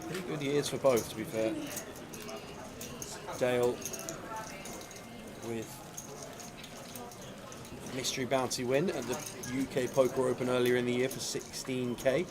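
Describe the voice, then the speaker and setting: Male card-game commentator, mid-pitched, measured and formally worded, with a loud crowd behind him. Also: level tone. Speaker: poker commentator. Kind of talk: live poker commentary. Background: loud busy poker room.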